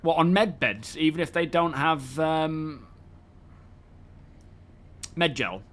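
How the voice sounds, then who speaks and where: A man's voice: on the high side, takes it slowly, a bit bright. Chatty man live-streaming a game. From United Kingdom. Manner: rambling, greets chat viewers by name. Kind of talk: casual chat while playing a game.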